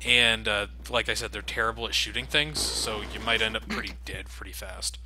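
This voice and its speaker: A man with a fairly low, slightly fast voice delivers casual let's play commentary as a video game commentator, sarcastic, self-deprecating and swearing freely. Game combat noise sits behind his voice, with gunfire and vehicles from the video game in the background.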